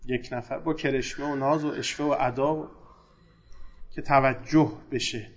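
A man's voice: mid-range voice, steady tone. Man lecturing on religion, dull lo-fi sound. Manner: conversational, emphatic, swings loud and soft. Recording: dull lo-fi recording.

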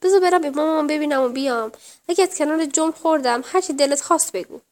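A woman's voice: sits high, a little mellow, pitched above the performer's own voice, close to an everyday voice. Woman reading as an eager young husband. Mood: pleading.

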